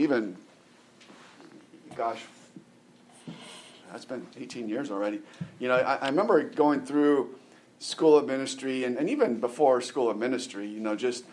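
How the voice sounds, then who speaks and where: A man in his forties preaching a conversational sermon, rambling with lots of restarts and tag questions. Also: medium pitch. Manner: rambling, many restarts and "right?" tags. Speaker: pastor.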